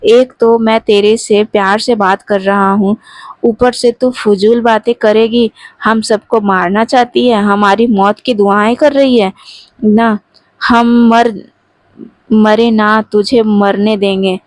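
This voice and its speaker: Storytelling, angry husband voiced by a woman, threatening, flat delivery, slow, dry close sound. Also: medium pitch, dry recording, lightly acted. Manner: scolding, threatening. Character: harsh threatening young husband, male.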